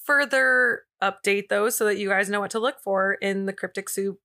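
A woman's voice: medium pitch, moderate pace, bright, forceful tone. A woman co-hosting a podcast, chatting casually and telling stories in an informal, playful way with slang. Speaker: podcast co-host. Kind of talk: casual podcast chat and storytelling.

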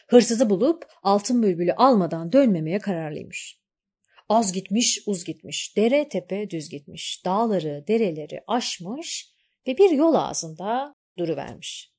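A woman narrating a fairy tale, shifting between hushed lines and dramatic rises. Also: mid-range voice, breathy edge. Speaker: storyteller.

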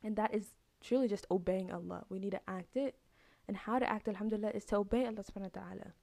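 A woman's voice: medium pitch, quick pace, gravelly, mellow, dry recording. A woman hosting a podcast, giving a casual, earnest religious talk that repeats its points. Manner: earnest, repetitive, conversational. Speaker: podcast host.

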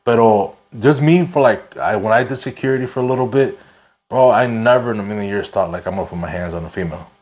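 Low-voiced man, slangy bro talk. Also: fast talker, darkish tone. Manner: bro-heavy, slangy, swearing street talk. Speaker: podcast host. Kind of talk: casual podcast chat.

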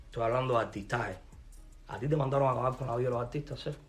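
A man's voice: mid-range voice, very fast, soft background music. A man from Cuba with a Cuban accent, a musician ranting angrily at someone, repeating himself and cursing. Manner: repetitive, heated, cursing, ranting. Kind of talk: angry rant to camera.

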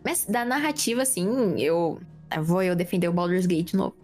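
A woman with a Brazilian accent chatting casually in an animated, slangy way. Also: on the low side, normal speed, faint music behind. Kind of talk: casual chat.

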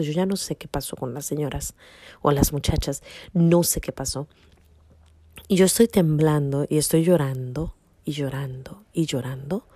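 Low, mellow-voiced woman telling a faith story. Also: no room sound. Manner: emotional storytelling, drops to a whisper at tense moments. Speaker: podcast host. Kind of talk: personal faith testimony.

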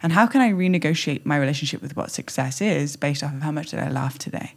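A woman appears as a podcast guest in animated conversational talk, playful and exuberant, acting out little scenes with squeals and laughs. Her voice sits low, with vocal fry and a breathy edge, and she speaks fast and animatedly.

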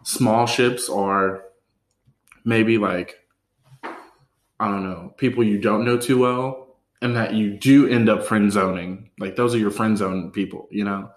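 A man hosting a casual podcast chat, relaxed and rambling with lots of fillers. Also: lowish voice, a little slow. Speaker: podcast host. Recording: roomy echo.

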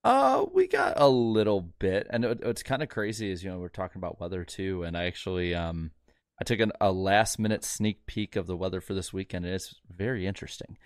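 Guy cohosting a podcast, lowish voice, dry close sound, lots of uhs, jokey. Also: steady tone, fast talker, smooth, dry recording. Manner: loose, joking, reads news items with many fillers. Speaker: podcast co-host. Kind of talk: casual podcast chat.

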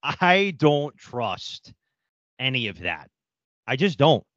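A man co-hosting a casual podcast chat, animated and joking, sometimes slipping into voices for bits. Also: mid-range voice, slow, no echo. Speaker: podcast co-host. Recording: dull dry lo-fi sound.

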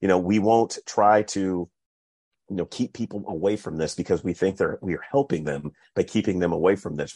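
A man from North Carolina, an author, answering interview questions in a relaxed, casual way, laughing easily and repeating words for emphasis. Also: deep voice, slightly rough, dry recording, clean studio sound.

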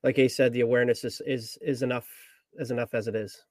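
Measured, agreeable podcast co-host man. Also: medium pitch, little pitch movement, darkish tone, no room sound, clean studio sound. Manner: measured, agreeable, tempers his partner's claims. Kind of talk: casual sports podcast chat.

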